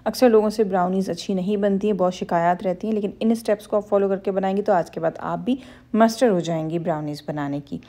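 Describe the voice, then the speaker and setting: A cooking channel host narrates a baking tutorial over her footage, walking viewers through it step by step at a quick pace. Her mellow, warm voice sits at an ordinary middle pitch, and she stays instructive and reassuring while addressing women viewers directly.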